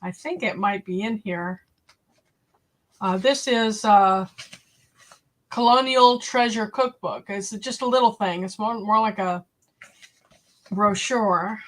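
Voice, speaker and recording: A woman's voice: medium pitch, takes it slowly, pauses often. A woman from New England hosting a casual live stream, chatting with viewers and reading recipe lists aloud from an old cookbook. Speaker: homestead channel host.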